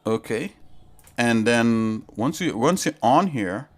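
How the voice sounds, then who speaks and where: A man's voice: medium pitch, expressive, slow. A man hosting a casual livestream tutorial, rambling and chatting straight to his viewers from a home setup. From Trinidad and Tobago. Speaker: livestream host.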